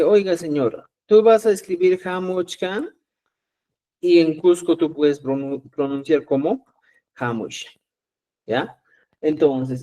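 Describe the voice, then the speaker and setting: Male teacher from Peru, patient and repetitive, slightly higher voice, live online class. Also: warm tone. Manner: patient, repeats "¿ya?" to check understanding. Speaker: Quechua teacher.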